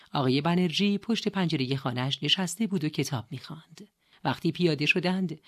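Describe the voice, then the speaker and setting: A woman narrating an audiobook in a steady, measured reading style. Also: low-pitched. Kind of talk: scripted narration.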